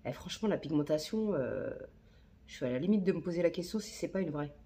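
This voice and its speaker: Beauty vlogger, woman, casual and slangy, thinks aloud, voice with some vocal fry; phone-recorded. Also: deep voice, expressive, quick pace, warm tone. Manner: chatty, slangy, talks to herself. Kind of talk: casual makeup tutorial chat. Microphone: phone camera.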